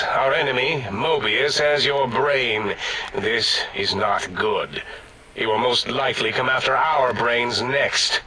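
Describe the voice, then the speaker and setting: A man's voice: medium pitch, slight background noise, rough recording. An actor voicing a pompous, imperious male scientist in a video game, given to sudden outbursts. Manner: blustering, imperious, with sudden shouts. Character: pompous, bossy male scientist brain, quick to temper.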